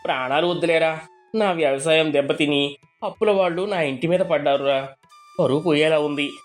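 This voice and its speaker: A man voicing a flattering, sweet-talking swindler who pleads for money in an animated story. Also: on the high side, moderate pace, faint music behind, lightly acted. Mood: wheedling.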